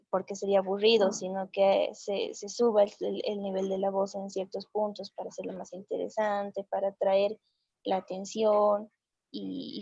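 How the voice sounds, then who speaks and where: Gravelly-voiced woman student, flat delivery. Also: mid-range voice, no room sound, muffled recording. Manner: hesitant, with restarts. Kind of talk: answering in class.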